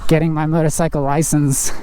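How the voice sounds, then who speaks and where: A man chatting casually inside a helmet as he rides, rambling and haltingly thinking aloud like a motovlogger. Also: on the high side, level tone, dark tone. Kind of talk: casual chat while riding. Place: inside a helmet, riding outdoors on a trail. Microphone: helmet microphone. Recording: muffled inside a helmet, vehicle noise. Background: faint vehicle and riding noise.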